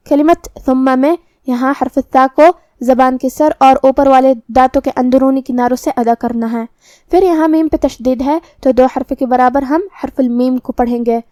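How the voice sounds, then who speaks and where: A woman teaching Quran recitation, explaining the sounds of each letter slowly and methodically. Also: high voice, dark tone, dry recording, studio quality. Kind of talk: tajweed lesson with slow recitation.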